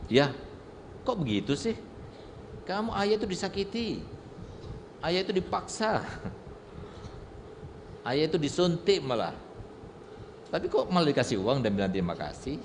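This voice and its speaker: A man voicing a bold, clever young child who keeps questioning his father, his voice pitched up, in a reverberant hall with faint noise. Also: big pitch swings, a little slow, long pauses. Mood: incredulous. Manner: incredulous, lecturing.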